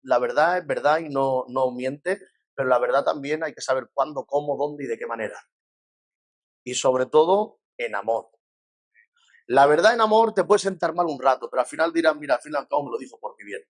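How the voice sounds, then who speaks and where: A pastor with a Spain Spanish accent gives a conversational church lesson in a mid-range voice, talking a little fast. He's lively, acting out what people say and posing rhetorical questions.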